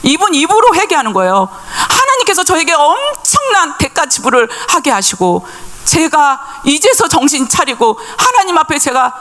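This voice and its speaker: Lively emotional woman giving testimony. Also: high voice, moderate pace. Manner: emotional storytelling, acts out voices in quotes. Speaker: pastor's wife giving testimony. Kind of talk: church testimony.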